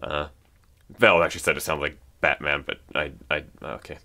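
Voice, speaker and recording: Man, casual commentary, low but bright, hesitant and rambling. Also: level tone, moderate pace. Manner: rambling, hesitant, many restarts. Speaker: music creator.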